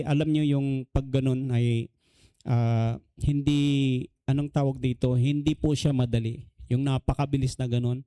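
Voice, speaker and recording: Male Filipino pastor, warm smooth tone, testimony sermon, frequent hallelujahs. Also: mid-range voice. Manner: mixes in English, many hallelujahs, laughs lightly.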